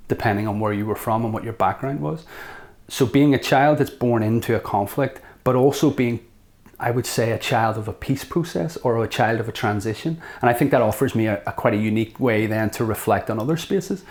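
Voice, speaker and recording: Reflective Northern Irish man, mid-pitched. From Northern Ireland. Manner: thoughtful, reflective, with frequent ums and restatements. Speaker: guest academic. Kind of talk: conversational interview.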